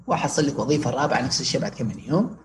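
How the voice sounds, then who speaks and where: A young Omani man, a guest on an interview, casually tells personal stories in Omani Arabic mixed with English words. His medium-pitched voice is animated and racing.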